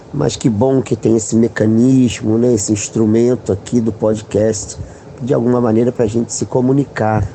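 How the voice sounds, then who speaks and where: Man, philosophy professor, gravelly voice, very dark tone, reflective podcast talk. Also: mid-range voice, a little hiss or hum, rough recording. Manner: thoughtful, musing, slowing on key words.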